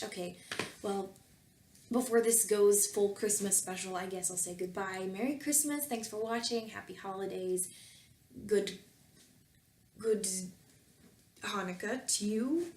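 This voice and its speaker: Music runs beneath a roomy echo as a woman reads fan fiction and remarks on it casually in a tongue-in-cheek, mock-earnest way. Her medium-pitched, darkish voice takes its time, with long pauses.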